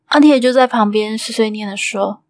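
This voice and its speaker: A woman host with a Taiwanese Mandarin accent narrating a ghost story in a steady, suspenseful way. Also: fairly high pitch, moderate pace, no room sound, studio quality.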